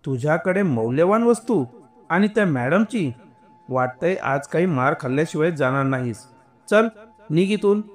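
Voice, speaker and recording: A man voicing a gruff, irritated middle-aged hotel guard who shouts scornfully in a spoken story. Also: fairly high pitch, animated, moderate pace, lightly acted. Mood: angry, mocking.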